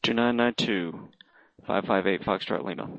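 A man speaking as a pilot making aviation radio calls to air traffic control, with halting, hesitant phrasing. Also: fairly low pitch, fairly bright tone, dry recording. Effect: aviation radio transmission. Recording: dull, narrow radio-band sound.

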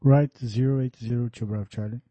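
Over a cockpit headset radio, a pilot makes aviation radio calls with clipped, procedural readbacks. His mid-range voice is mellow and steady, and he speaks briskly. The audio is dry yet muffled and lo-fi, like radio.

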